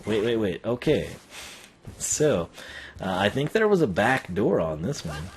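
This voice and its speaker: A male game streamer with a slightly low voice and very animated intonation. He rambles casually and thinks aloud in slang, with faint noise behind him. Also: unhurried. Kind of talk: casual live game commentary.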